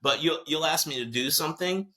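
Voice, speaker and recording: A man's voice: fairly high pitch, fairly quick, pushed and bright. A man guesting on his wife's podcast, talking bluntly and acting out little everyday scenes. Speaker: podcast guest, host's husband. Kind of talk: candid conversation with his wife.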